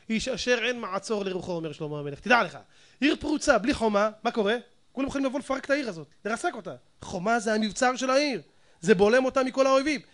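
A man preaching a Torah sermon to an audience, animated, asking rhetorical questions and acting out little scenes. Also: extremely high pitch. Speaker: rabbi preacher.

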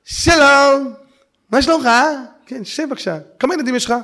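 A man voicing a pushy young male apartment salesman who badgers loudly and will not let go. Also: extremely high pitch, pitched above the performer's own voice, exaggerated voice. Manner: insistent, badgering, loud.

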